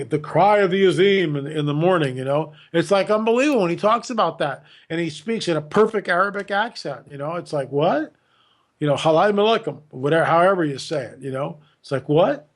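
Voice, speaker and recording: A man with a high-pitched voice talks as a podcast guest. He speaks emphatically and with strong opinions, repeats words often and slips into mocking impressions of other people.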